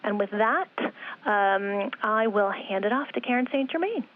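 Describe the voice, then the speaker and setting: A woman moderating a press teleconference, reading introductions and spelling out a web address slowly and carefully. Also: mid-range voice, expressive. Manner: measured, spells things out slowly. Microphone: telephone. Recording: tinny phone line.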